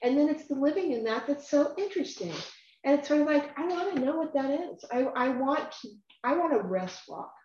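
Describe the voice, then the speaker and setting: A woman hosting a casual faith discussion, earnest and animated, rambling and at times dropping to a quiet tone. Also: sits high, fairly quick, a little hiss or hum. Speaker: Bible study host. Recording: echoey room, muffled lo-fi sound.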